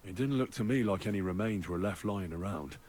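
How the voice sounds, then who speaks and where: A stubborn young medieval hero in a video game, speaking in a low, steady, earnest voice. He stays calm and resolute, working through clues. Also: brisk. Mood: thoughtful.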